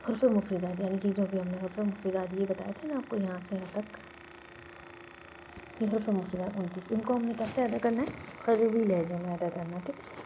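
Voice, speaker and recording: A woman's voice: mid-range voice, fairly even intonation, noisy background. A woman with a Pakistani Urdu accent teaching a beginners' tajweed lesson, explaining step by step and often checking that her students follow. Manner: slow, drawn-out recitation. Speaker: Quran reading teacher.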